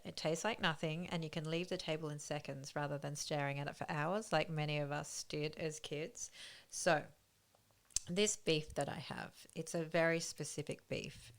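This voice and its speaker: A confident woman co-host with a notably low voice for a woman. She delivers her segment with emphasis, in an informative, semi-scripted way.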